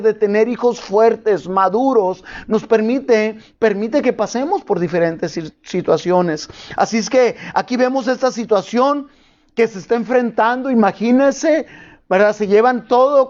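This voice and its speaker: A man's voice: very high-pitched, a little mellow, highs cut off. A pastor preaching a sermon to his congregation, asking them questions as he goes.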